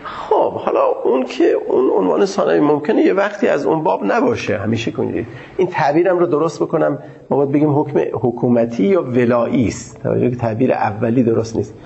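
A man teaching a seminary lecture on jurisprudence in a formal, measured way, pausing often to find his words. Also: fairly high pitch, animated, gravelly, mellow, lo-fi sound.

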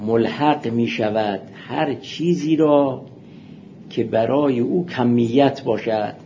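A man giving a seminary philosophy lecture, explaining texts in a measured way and reading out quotations. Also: medium pitch, dark tone. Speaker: philosophy teacher. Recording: muffled lo-fi recording with faint hiss.

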